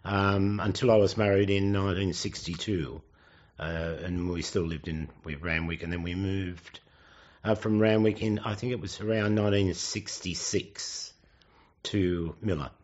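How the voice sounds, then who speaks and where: Man, 70s, Australian, low pitch. Halting, elderly reminiscing delivery in an interview, slightly muffled recording. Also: fairly even intonation, darkish tone. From Sydney, Australia. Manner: halting, with hesitant pauses and self-corrections. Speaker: oral history interviewee.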